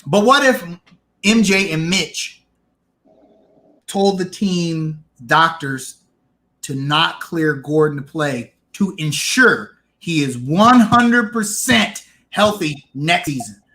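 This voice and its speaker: A man co-hosting a casual sports podcast, opinionated and animated, restarting his sentences as he argues. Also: fairly high pitch, slow. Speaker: podcast co-host.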